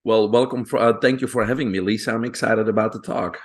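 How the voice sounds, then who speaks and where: A man in his fifties from Belgium with a Belgian accent, a guest on an interview podcast, telling his life story in a relaxed way with frequent pauses. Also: fairly low pitch. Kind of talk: conversational interview.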